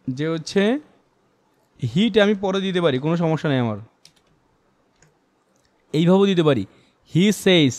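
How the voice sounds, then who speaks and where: Slow-explaining Bangladeshi teacher, fairly high voice. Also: male voice, a little mellow, no echo. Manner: explains slowly, reads English phrases word by word with pauses. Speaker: English teacher. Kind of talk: classroom lesson on reading newspaper English.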